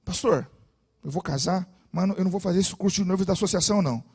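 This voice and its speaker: A man's voice: very high-pitched, wildly swooping pitch, brisk, fairly bright tone, pitched above the performer's own voice, heavily acted. Stubborn, indignant young man, emphatic and protesting, put on by a preacher.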